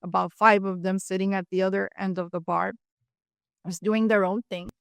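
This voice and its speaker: A woman in her fifties from Cuba, telling a personal story as a podcast guest with animated asides. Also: mid-range voice, moderate pace, gravelly, clean tone, no echo. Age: 50s. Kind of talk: storytelling in an interview.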